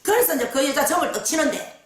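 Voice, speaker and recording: A woman fortune teller with a Gyeongsang accent telling the story of a client in lively dialect, with many fillers. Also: high-pitched, quick pace, far from the mic. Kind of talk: storytelling case account. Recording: very echoey room.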